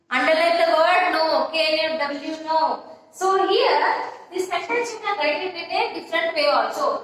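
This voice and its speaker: A woman's voice: very high voice, a bit bright. A woman teaching an English grammar lesson, repeating points, spelling words out letter by letter and checking with "yes?". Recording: echoey room, voice from far off.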